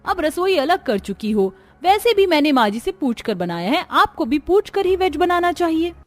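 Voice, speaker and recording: A woman voicing a pert, sharp-tongued young daughter-in-law in a cartoon story. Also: very high-pitched, sing-song, moderate pace, pitched above the performer's own voice. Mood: defiant.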